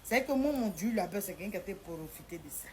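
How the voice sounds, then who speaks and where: Animated woman telling her story. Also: mid-range voice, a little fast, a little hiss or hum. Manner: animated, acts out the dialogue in a shifting voice. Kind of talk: personal storytelling.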